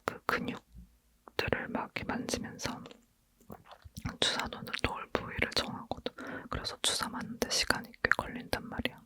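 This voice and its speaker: An ASMR host leans in and whispers an intimate, hushed chat at a moderate pace, speaking informally as if to a friend.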